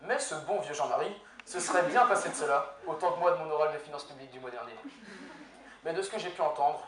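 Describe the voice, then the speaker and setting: A young man, a law student, giving a prepared humorous speech in an eloquence contest, with deadpan, ironic punchlines. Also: a little high. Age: young adult. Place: university lecture hall with audience. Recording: echoey hall, far from mic, faint noise.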